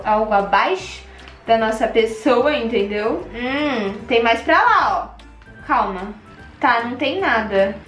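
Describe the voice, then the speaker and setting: A young Brazilian woman with a Brazilian Portuguese accent, hosting an excitable Minecraft let's play and gasping at every find. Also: fairly high pitch, roomy sound. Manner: excitable, gasping, squealing at finds. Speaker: gaming channel host.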